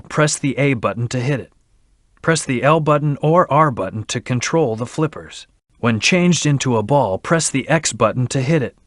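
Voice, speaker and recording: A male actor plays a brooding hedgehog antihero from a video game, mid-pitched and arrogant. He speaks tersely, with cool command and a hint of menace. The recording is very dry and close, with no room sound. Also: dry recording, natural voice. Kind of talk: scripted video game character lines.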